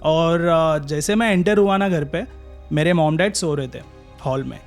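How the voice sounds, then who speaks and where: A young man, a podcast guest, telling a personal story in a casual, halting way with many pauses and restarts. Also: a little high, faint music behind.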